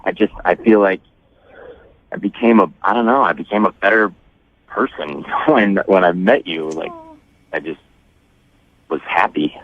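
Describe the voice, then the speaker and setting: Male caller, stammers and hesitates, somewhat low voice, dull phone-line sound. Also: a little slow, pauses often, no echo. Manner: nervous, stammering, earnest.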